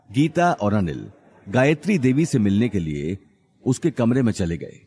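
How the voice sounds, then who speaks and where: A man narrating a dramatic family story in an expressive audiobook style. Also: on the low side.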